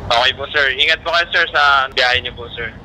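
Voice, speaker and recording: A Filipino man speaking politely and haltingly over a walkie-talkie during a casual radio check. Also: medium pitch. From Philippines. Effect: voice heard over walkie-talkie radio. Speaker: radio operator answering a check. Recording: noisy distant radio speaker, echoey, outdoors.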